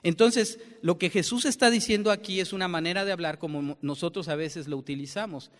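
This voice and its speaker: A man preaches with a fairly high voice, and a long reverb hangs on his words as the sound rings through a large hall. He keeps turning to his listeners with questions and explains with plain everyday examples. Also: brisk. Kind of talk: sermon.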